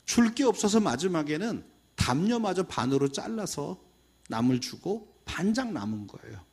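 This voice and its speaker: A middle-aged male pastor gives a teacher training talk in a high, husky voice. His pitch swings widely as he acts out what children and teachers say. He moves easily between stories and teaching. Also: moderate pace. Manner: animated, acting out quoted voices of kids and teachers.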